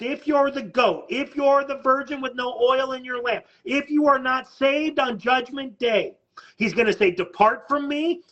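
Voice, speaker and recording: Urgent high-voiced man preaching a sermon. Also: bright, forceful tone. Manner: urgent, emphatic preaching with repeated words. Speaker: pastor.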